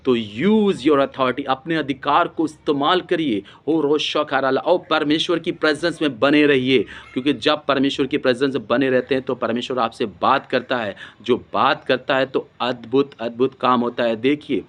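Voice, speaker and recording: A man's voice: medium pitch, normal speed, few pauses, a bit bright. A man preaching a sermon, repeating phrases for emphasis and breaking into speaking in tongues. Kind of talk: Hindi sermon with Bible reading.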